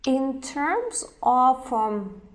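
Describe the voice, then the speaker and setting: A woman interviewer who speaks as an asks winding, curious questions. She fills pauses with "like" and "uh" as she gropes for the wording. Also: high voice, big pitch swings. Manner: long, searching questions with fillers like "like" and "uh". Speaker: interviewer, host.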